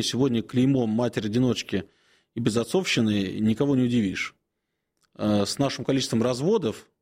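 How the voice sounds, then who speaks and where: A man in his forties speaks as a priest on a call-in advice show. His voice sits at an ordinary middle pitch, and he talks without hurry. He pauses often and fills the gaps with hesitant sounds while he gives gentle counsel. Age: 40s. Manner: unhurried, many hesitations, gently advising. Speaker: Orthodox priest answering questions.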